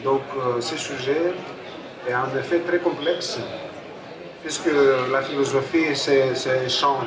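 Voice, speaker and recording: A native Greek man, a photographer and panel speaker, introduces a debate in a public talk at a busy book fair stand. He speaks with a Greek accent at medium pitch, halting and repeating his phrases. The recording is echoey, with a distant mic and crowd noise.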